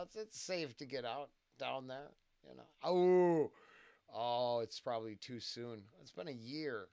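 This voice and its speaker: A man's voice: medium pitch, a bit bright, clean tone, no echo. A man hosting a casual first-listen music reaction, talking in a rambling, tangential way with lots of fillers and restarts.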